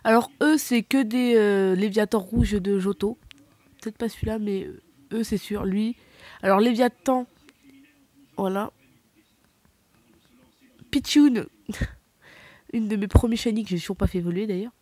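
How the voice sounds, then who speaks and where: A woman's voice: medium pitch, moderate pace, a little mellow, no echo. A woman chatting casually while showing her game collection, rambling with many fillers, slips and self-corrections. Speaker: gaming vlogger.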